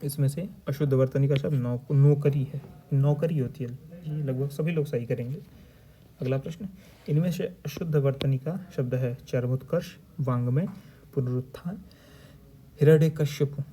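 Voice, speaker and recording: Mellow-voiced man tutoring exam Hindi. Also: medium pitch, moderate pace, slight background noise. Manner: reads out options, then explains the right spelling. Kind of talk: previous-year paper discussion lesson.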